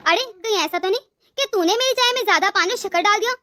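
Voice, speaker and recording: A woman's voice: very high voice, fast, pushed and bright. A woman voicing a harsh, bossy mother-in-law in a cartoon story, berating her daughter-in-law. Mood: scolding. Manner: scolding, berating.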